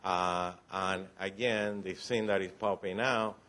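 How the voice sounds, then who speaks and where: His voice very low and deep yet a bit bright, a Cuban-accented man gives county commissioners a formal briefing in a meeting room, speaking a little slowly with a steady tone. He explains patiently, often restarts phrases, and jokes lightly.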